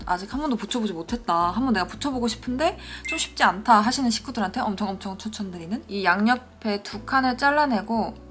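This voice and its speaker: Young female beauty vlogger with a mid-range voice, chatty tutorial delivery, soft music bed. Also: mid-range voice. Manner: chatty, animated when storytelling, soft asides. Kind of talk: casual makeup tutorial with storytelling. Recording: faint music behind.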